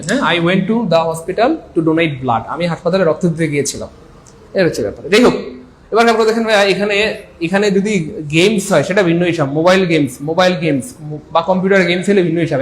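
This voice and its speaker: A man with a Bangladeshi accent teaching an exam-prep grammar lesson, repeating points and quizzing his listeners as he goes. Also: a little high. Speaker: English teacher.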